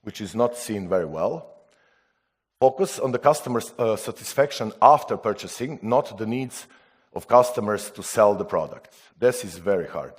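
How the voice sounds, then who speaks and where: A man from Serbia speaking non-native English at a conference, halting with restarts and putting rhetorical questions to the audience. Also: on the low side, lively intonation. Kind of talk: conference talk.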